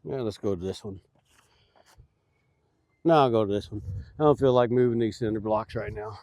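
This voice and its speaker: Folksy middle-aged beekeeper man, mellow voice. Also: on the low side, normal speed, slight background noise. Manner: earnest, folksy, rambling. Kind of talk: casual vlog talk. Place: outdoors at beehives.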